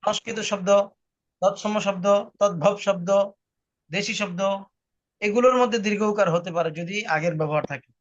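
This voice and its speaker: A man's voice: sits high, normal speed, long pauses. A man teaching a spoken language lesson, patiently explaining rules and repeating them for his student. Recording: muffled lo-fi online recording.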